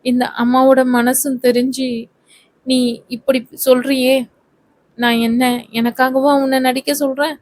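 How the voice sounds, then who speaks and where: A woman's voice: high voice, level tone, measured pace, pauses often, a little mellow, no echo. A woman voicing a scheming middle-aged mother who guilt-trips her actress daughter. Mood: reproachful. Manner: guilt-tripping, self-pitying.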